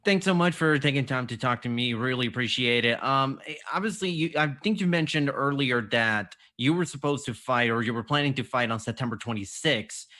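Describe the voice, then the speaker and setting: A man's voice: medium pitch, fairly quick, hardly any pauses, pushed and bright. A man working as a reporter on a video press call, politely asking a long, winding question.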